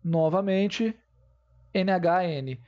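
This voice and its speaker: A man's voice: high voice, very slow, darkish tone, muffled recording. A man teaching a grammar lesson, explaining step by step and checking in with his viewers.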